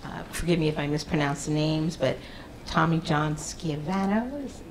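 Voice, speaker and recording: A woman's voice: low voice, level tone, normal speed, slight background noise, low-quality recording. A woman with a New York accent moderating a town debate in a friendly, self-deprecating way.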